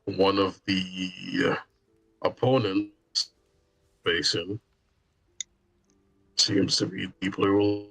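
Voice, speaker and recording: A man playing in a tabletop game over an online call, his voice cutting in and out, so his speech comes through halting and choppy. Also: low-pitched, completely flat delivery, creaky, fairly bright tone, slightly rough, faint music behind, poor audio. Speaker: player. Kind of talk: casual chat in a tabletop game. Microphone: online voice chat.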